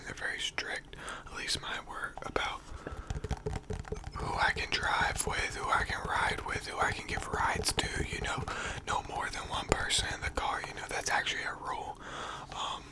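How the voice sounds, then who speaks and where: An American teenager whispering a casual, rambling ASMR monologue, quiet as if late at night. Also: moderate pace. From North Carolina, United States. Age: teenager, around 16 to 18. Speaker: ASMR video creator.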